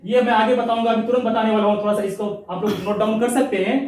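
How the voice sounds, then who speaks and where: A man teaches English sounds, repeating each word and answering his own questions as he goes. His voice sits high and rings around a very echoey room, heard from some distance off the mic. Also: fairly even intonation, fast talker, darkish tone. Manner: explains step by step, repeats words, asks and answers himself. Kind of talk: online pronunciation lesson.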